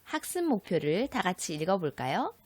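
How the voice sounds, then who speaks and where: A female high school teacher records a textbook lesson, explaining slowly and clearly while posing questions to her students. Her voice has big pitch swings, and there's no room sound.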